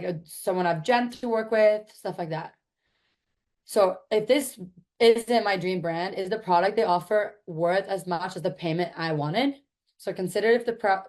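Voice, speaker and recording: A woman with a hoarse, raspy, smoker-like voice worn out from talking, teaching a course in an informal, chatty and emphatic way. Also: on the low side, a little mellow. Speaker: course instructor.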